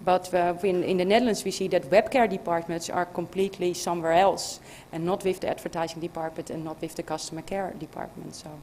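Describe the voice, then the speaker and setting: A woman's voice: lowish voice, fairly even intonation, fast talker, few pauses, darkish tone, a little hiss or hum. A woman giving an academic conference presentation, hesitant, with many filler sounds and restarts. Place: conference room.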